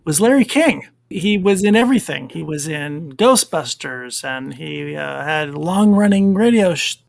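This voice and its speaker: Man, podcast co-host, casual rambling chat, gravelly voice, dry close sound. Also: on the high side, unhurried, no echo. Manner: relaxed and rambling, with fillers while reading down a list.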